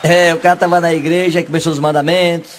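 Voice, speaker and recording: A man rattles off jokes in a fairly high voice. He chuckles between punchlines and jumps into squeaky voices for his characters, which keeps the telling lively. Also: fast, a little hiss or hum. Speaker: comedian. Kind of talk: joke telling.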